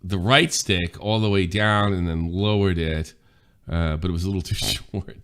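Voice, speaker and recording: A man's voice: low-pitched, normal speed, fairly bright tone. A man hosting a gaming stream, giving laid-back, playful play-by-play commentary. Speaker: host and game commentator.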